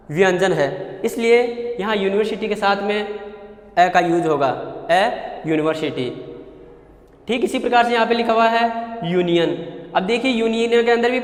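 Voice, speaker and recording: A man with a Hindi accent teaches a classroom grammar lesson in a high voice. He explains patiently, repeating each point and drawing sounds out. The recording is roomy, with a long reverb tail. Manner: slow, repetitive explaining, stretching out sounds. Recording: echoey room with long reverb.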